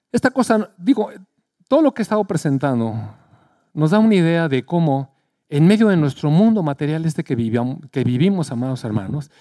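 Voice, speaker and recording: A man preaching a sermon, retelling a story and acting out the quotes with a lively delivery. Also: fairly high pitch, no room sound, clean studio sound. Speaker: pastor.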